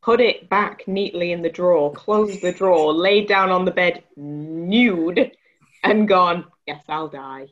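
A woman's voice: on the low side, takes it slowly. Wry woman reviewing films, lo-fi sound. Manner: wry, animated, mimics characters in quotes. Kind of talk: casual film review chat. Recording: dull lo-fi sound.

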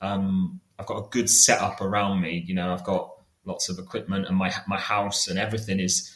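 A man's voice: sits low, little pitch movement, brisk, fairly bright tone. A man in his late twenties from Cornwall, chatting casually as a podcast guest. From Cornwall, England. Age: late 20s. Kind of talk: casual conversation. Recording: roomy, echoey sound.

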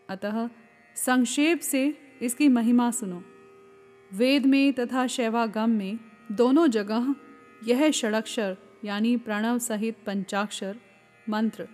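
Woman voicing a wise old sage, solemn and unhurried, higher voice, echoing reverb, soft sitar music behind. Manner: slow, solemn recitation. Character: wise old male sage teaching scripture.

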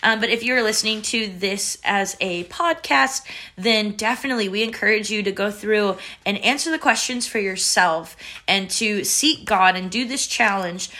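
Bright-voiced woman hosting a book club. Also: mid-range voice, moderate pace. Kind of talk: casual group discussion. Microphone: video call.

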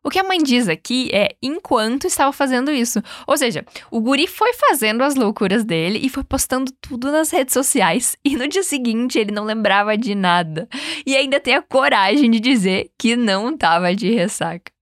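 Animated and encouraging, this podcast host with a Brazilian Portuguese accent and a fairly high voice teaches English by slowly voicing each word and asking listeners to echo it. The sound is close, dry and echo-free.

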